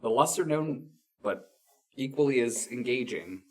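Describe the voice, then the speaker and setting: A woman's voice: extremely low pitch, animated, measured pace, a little mellow. A woman co-hosting a casual podcast, playful and agreeable, often chiming in with short affirmations. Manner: playful, agreeable, many backchannels. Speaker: podcast co-host. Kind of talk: casual chat.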